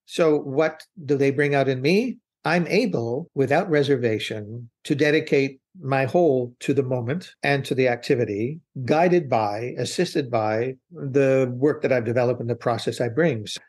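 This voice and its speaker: A man's voice: medium pitch, normal speed, hardly any pauses, darkish tone. Earnest, reflective man talking at length. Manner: earnest, reflective, rambling with restarts. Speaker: business consultant guest. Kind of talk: interview conversation.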